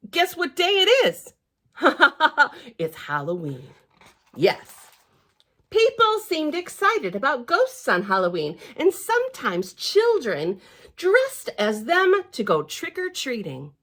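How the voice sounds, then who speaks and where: This female children's storyteller reads aloud slowly in a slightly high voice whose pitch varies enormously. She's theatrical and expressive, full of gasps, hushed asides, and chatty comments.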